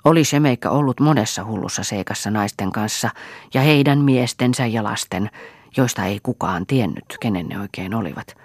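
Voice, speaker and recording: A man reading a novel aloud as an audiobook narrator, in a measured, dramatic storytelling manner with soft, half-whispered asides. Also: lowish voice, breathy edge, dry recording. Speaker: audiobook reader. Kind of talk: scripted narration.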